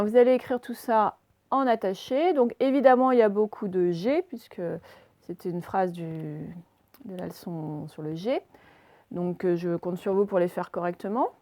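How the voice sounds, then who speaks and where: A woman's voice: mid-range voice, mellow, no echo. A woman teacher giving a spelling dictation to young pupils, carefully sounding out each letter and syllable. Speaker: primary school teacher. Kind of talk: dictation lesson for children.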